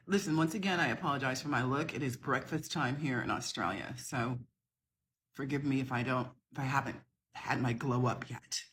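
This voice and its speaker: A woman's voice: extremely low pitch, moderate pace, a bit bright, a little hiss or hum. A middle-aged woman from the southern United States, talking to camera in an impassioned, emphatic rebuttal to another video. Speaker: social media creator.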